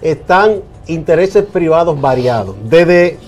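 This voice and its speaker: A man's voice: a little high, expressive, slow pace, a little mellow. A middle-aged man, hosting a TV politics panel, who prompts his guest and finishes his sentences. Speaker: TV show host. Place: TV studio. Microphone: lapel mic.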